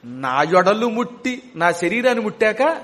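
A male storyteller voicing a mighty male hero who disguises his voice as a coy, teasing woman in falsetto. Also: big pitch swings, normal speed, fairly bright tone.

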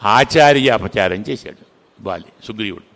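A man's voice: on the low side, expressive, moderate pace, a bit bright. A man telling an epic story in a devotional sermon, dramatic and often questioning his listeners. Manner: questioning the audience, dramatic retelling. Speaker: religious discourse speaker. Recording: reverberant hall.

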